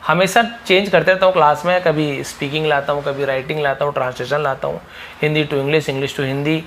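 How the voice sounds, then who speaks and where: A man with a Hindi accent teaching spoken English, explaining patiently and repeating model sentences slowly. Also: fairly high pitch, fairly even intonation, fairly bright tone, slight background noise.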